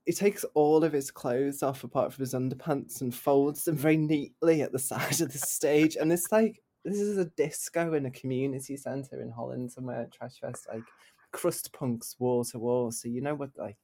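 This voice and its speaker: A man, a musician, telling animated, sweary anecdotes in a casual podcast chat. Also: medium pitch, moderate pace.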